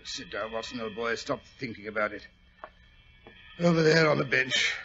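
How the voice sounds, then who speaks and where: An actor playing Doctor Watson as a genial, excitable English gentleman in 1940s radio style, blustering and muttering to himself with a British accent. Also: mid-range voice, normal speed, breathy edge, faint music behind, full character voice. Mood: musing, faint. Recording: muffled, noisy old radio recording.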